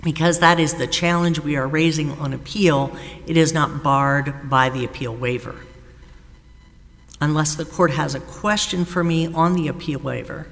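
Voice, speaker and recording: A woman defense attorney giving a formal appellate oral argument in a measured, deliberate way, pausing often on "uh". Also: low-pitched, steady tone. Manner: measured, deliberate, with frequent "uh" pauses. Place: courtroom. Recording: reverberant courtroom sound.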